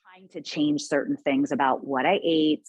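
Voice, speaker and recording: A woman's voice: sits low, steady tone, moderate pace, a little mellow, slightly rough, dry recording, dull audio. A woman guest in a casual interview, speaking earnestly and reflectively with frequent restarts.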